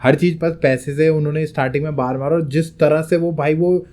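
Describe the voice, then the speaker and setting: A man's voice: fairly high pitch, fairly even intonation, a little fast, darkish tone. A young man co-hosting a rap reaction show, chatting casually in Hindi and English and explaining rhyme technique at length. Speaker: co-host reacting to a rap track.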